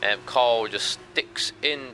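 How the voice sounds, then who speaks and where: A man giving casual live commentary on an online racing league, chatty and jokey, with sudden rises in excitement. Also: mid-range voice, slow, soft background music. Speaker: race commentator.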